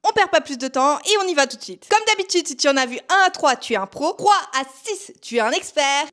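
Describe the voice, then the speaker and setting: Young woman vlogger, high bright voice, chatty, talks directly to camera. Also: lively intonation, fairly quick. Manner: chatty, speaks directly to the viewer. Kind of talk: casual chat to camera.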